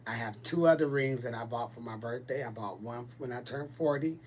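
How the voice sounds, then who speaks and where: A man's voice: mid-range voice, brisk, a little hiss or hum. A man in his forties hosting a casual livestream, chatting and answering viewer comments in a blunt, sassy way. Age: 40s. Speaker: livestream host. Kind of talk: casual live chat reading viewer comments.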